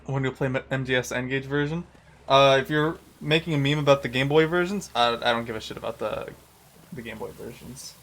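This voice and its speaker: A man's voice: medium pitch, a little fast, fairly bright tone, a little hiss or hum. A man live-streaming a video game, chatting casually with lots of swearing and bro slang. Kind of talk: casual live-stream chat while gaming.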